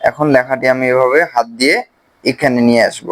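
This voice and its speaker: A man with a Bangladeshi Bengali accent, casually explaining a phone video-editing app step by step, with pauses as he clicks. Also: mid-range voice, steady tone. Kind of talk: screen-recorded software tutorial.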